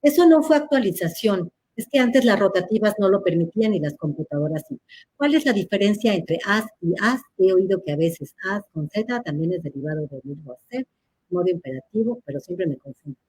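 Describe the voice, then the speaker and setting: A woman's voice: medium pitch, animated, brisk, darkish tone, slight background noise. A woman answers audience questions in a live chat, teacherly and playful, laughing at her own examples.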